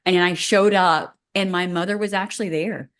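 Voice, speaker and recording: A woman guest, a functional medicine doctor, telling her story in an energetic, quick and emphatic way. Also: lowish voice. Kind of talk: energetic storytelling interview talk.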